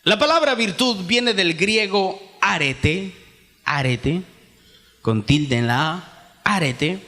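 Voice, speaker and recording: Lively high-voiced Peruvian preacher in a hall. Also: male voice. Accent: Peruvian Spanish. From Peru. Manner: asks rhetorical questions and answers them himself; reads scripture aloud, then explains it. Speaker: youth conference preacher. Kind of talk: sermon. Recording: long reverb of a large hall.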